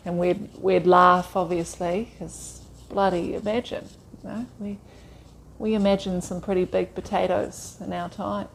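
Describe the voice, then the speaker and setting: Gravelly New woman telling a story. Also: lowish voice, level tone, a little hiss or hum, rough recording. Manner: laughing, drawn-out storytelling. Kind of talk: casual anecdote.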